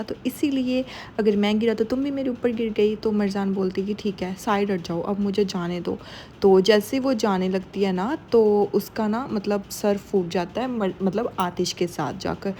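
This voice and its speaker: A woman's voice: medium pitch, warm tone, a little hiss or hum. A young woman casually retelling a drama scene by scene, quoting each line of dialogue with her own asides. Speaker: drama recap narrator. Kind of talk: casual storytelling recap.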